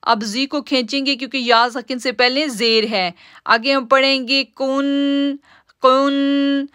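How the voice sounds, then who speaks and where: Woman tajweed teacher on a live stream, high crisp voice, patient explainer, dry close sound. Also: fairly even intonation, pushed and bright, no echo. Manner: patient, step-by-step explaining, drawn-out slow recitation of words. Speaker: Quran recitation teacher.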